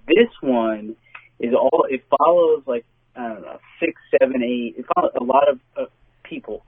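Husky man on a tinny phone line. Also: mid-range voice, dry recording. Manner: hesitant, dry, filler-heavy. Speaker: podcast guest. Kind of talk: casual podcast chat. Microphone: phone call.

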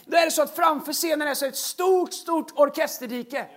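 High-pitched male preacher, animated storyteller, stumbles through fillers and laughs mid-sermon. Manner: animated, breaks into laughter, frequent fillers and repeated words. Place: large church stage.

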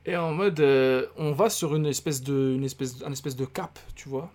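A man's voice: mid-range voice, moderate pace. Slangy young Frenchman telling a story. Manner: slangy, animated storytelling with quoted voices. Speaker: podcast co-host. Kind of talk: casual storytelling chat.

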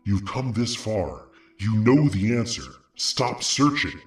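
A man doing a deep buzzing voice in the head. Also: takes it slowly, reverberant, recorded from a distance, soft background music. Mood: commanding. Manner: flat, droning, commanding. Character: dull buzzing male voice inside a mind.

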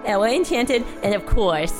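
A woman reciting name trivia in a playful, deadpan way during a casual chat. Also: mid-range voice, normal speed, over music.

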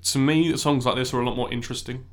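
A man's voice: mid-range voice, steady tone, fast. Hesitant man giving music opinions. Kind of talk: casual music review chat.

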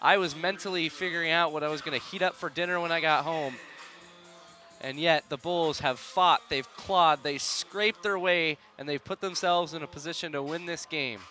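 A man's voice: a little high, steady tone, moderate pace, pushed and bright, soft background music. A man calling live baseball play-by-play on the radio in emphatic, dramatic short phrases. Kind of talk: live radio sports commentary.

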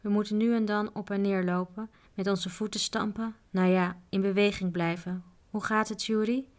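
Storybook role: a practical, grumbling male mountain guide, read by a woman in an even, level tone. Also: mid-range voice, moderate pace, natural voice. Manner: grumbling, matter-of-fact.

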